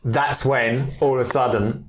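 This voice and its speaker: A man's voice: medium pitch, steady tone, unhurried, echoey room, noisy background. A man on a casual podcast, rambling through a story idea and acting out lines from scenes as he goes. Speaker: co-host.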